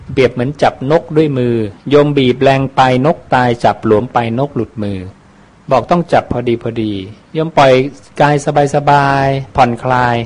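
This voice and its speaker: Calm male monk teaching. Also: medium pitch, poor audio. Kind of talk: Dharma Q&A.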